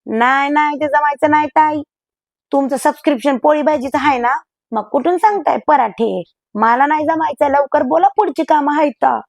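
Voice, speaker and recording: A woman's voice: high-pitched, moderate pace, gravelly, no echo. A woman voicing a blunt, bossy female robot housemaid who talks in a brusque, rustic way, in a comic storybook tale. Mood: curt. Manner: brusque, rustic village-maid talk.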